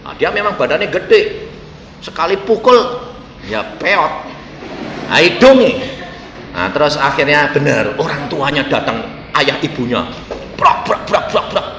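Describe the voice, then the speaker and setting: An older male preacher, telling stories and acting out the voices in them. His voice is fairly high and swoops wildly from near-whispers to shouted peaks. He is heard in an echoey hall with a long reverb and steady background noise. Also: a little slow, long pauses. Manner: animated storytelling, acting out dialogue with swings from hushed to shouted. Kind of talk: sermon with acted anecdote.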